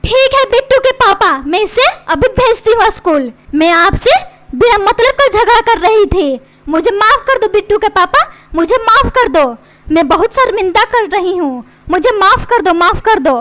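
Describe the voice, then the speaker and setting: A woman's voice: extremely high pitch, animated, moderate pace, fairly bright tone. A woman voicing a fickle cartoon mother who scolds her husband and dotes on her son, talking in a bossy, scolding way. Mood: apologetic.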